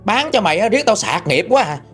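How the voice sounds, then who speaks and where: A man doing a shrill scolding village auntie. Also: sing-song, fairly quick, slightly rough, faint music behind, exaggerated voice. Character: loud-mouthed older village woman shopkeeper, scolding.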